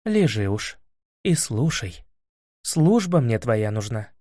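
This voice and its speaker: A man voicing a shrewd grown princess in an audiobook, calm, commanding and lecturing. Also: medium pitch, takes it slowly, dry recording, studio quality, pitched below the performer's own voice. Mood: stern. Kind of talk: audiobook character voice.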